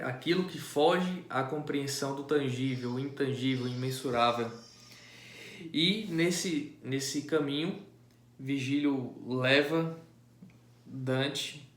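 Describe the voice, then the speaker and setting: Slow, halting man explaining. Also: mid-range voice, fairly bright tone. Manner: halting, restarts phrases, frequent tag questions. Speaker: amateur literature explainer. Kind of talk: casual explanatory monologue. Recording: echoey room.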